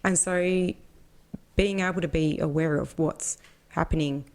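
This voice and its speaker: Aussie woman co-hosting a podcast, low voice, rambly casual chat with lots of restarts. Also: steady tone, a little slow, a little mellow. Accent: Australian. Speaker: podcast co-host.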